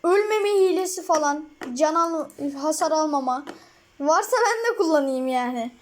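Brief: high-pitched woman, mobile gamer, rambling excitable commentary with outbursts. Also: moderate pace. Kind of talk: casual gameplay commentary.

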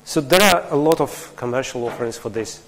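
A man's voice: medium pitch, lively intonation, brisk, fairly bright tone. A man from Russia, giving a technical conference talk in a large lecture hall, explaining step by step with frequent restarts and asking the audience questions. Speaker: conference speaker.

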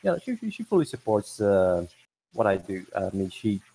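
A man's voice: lowish voice, sing-song, normal speed, creaky, mellow, breathy edge, rough recording. Hesitant Belgian-born man in his forties. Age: 40s. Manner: hesitant, many restarts and fillers. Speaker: guest. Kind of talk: casual interview chat.

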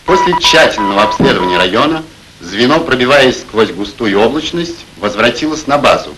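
A man playing a solemn radio announcer, reading formally and gravely in a 1930s Soviet bulletin style. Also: medium pitch, expressive, normal speed, bright, forceful tone, soft background music, rough recording. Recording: hissy old film soundtrack.

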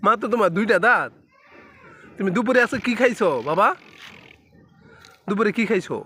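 A woman's voice: medium pitch, fairly quick, noisy background. A woman playfully coaxing a small child, asking him question after question in casual talk. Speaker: parent filming her toddler.

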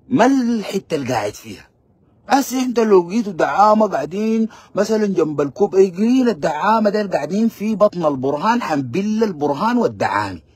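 A man's voice: high-pitched, husky, no echo. A man with a Sudanese Arabic accent giving a heated monologue of political commentary, full of rhetorical questions and repeated phrases. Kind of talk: impassioned monologue.

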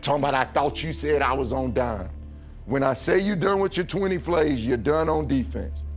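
A man's voice: medium pitch, normal speed. An American man, a football position coach, briefing his team in a blunt, direct, swearing way. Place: small meeting room indoors. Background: music.

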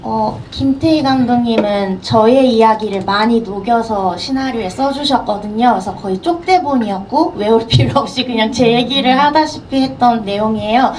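Woman, actress, chatty, laughs a lot, slightly high voice, faint hum. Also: moderate pace, few pauses, a little mellow, rough recording. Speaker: stage and film actress. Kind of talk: anecdotes at a Q&A.

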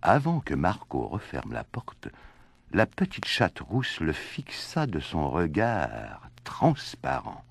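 A male storyteller reading a children's tale with a low, gravelly and husky voice. His pitch swings dramatically from line to line, and the recording is close and dry. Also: wildly swooping pitch, slow pace. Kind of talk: scripted storybook narration.

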